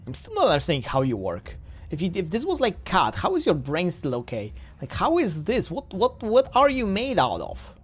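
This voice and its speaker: A man with a slightly high voice streams a game. He reads story text aloud haltingly, tripping on words, and mixes in casual commentary. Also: huge pitch swings, a little hiss or hum. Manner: halting read-aloud, stumbling over words.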